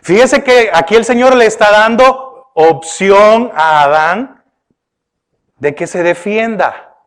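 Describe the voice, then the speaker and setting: A male pastor delivering a sermon, questioning his listeners often and turning from emphatic bursts to hushed remarks. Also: sits high, slow pace. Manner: preaching with repeated rhetorical questions to the congregation; often addresses listeners with "oiga" and "¿verdad?".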